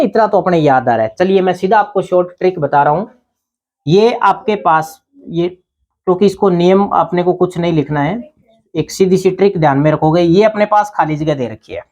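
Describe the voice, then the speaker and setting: A man's voice: sits high, a little mellow, lo-fi sound. Male teacher checking "thik hai na?". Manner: explains step by step, asks and answers own questions. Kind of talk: grammar lesson.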